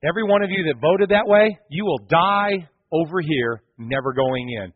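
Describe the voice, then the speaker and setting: A man voicing God as a male figure, giving loud, raised, emphatic commands. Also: on the high side, lively intonation, normal speed, dry recording, in a large hall, phone-quality sound. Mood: commanding.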